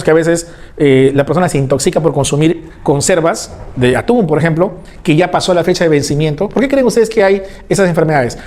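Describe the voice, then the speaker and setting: A male teacher giving a lecture, animated, asking questions and answering them himself. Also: sits high. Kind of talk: classroom lecture.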